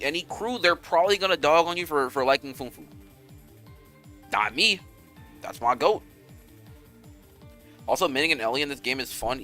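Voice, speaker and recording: A young man chatting casually with his viewers on a game stream, animated and rambling, swearing freely. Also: on the high side.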